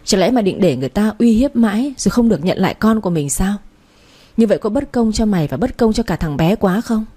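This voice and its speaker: A woman's voice: mid-range voice, lively intonation, dark tone, breathy edge. A woman doing a blunt, loyal girlfriend. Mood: pleading. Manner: blunt, coarse, quick. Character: close young female friend, blunt and fiercely loyal.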